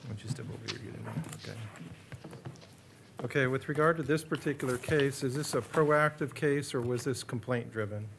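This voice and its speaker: City attorney, male, American. Average pitch, explanatory and informal wording in a legal setting, light room noise. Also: fairly quick, gravelly, fairly bright tone. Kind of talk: legal explanation and witness questioning. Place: public hearing room.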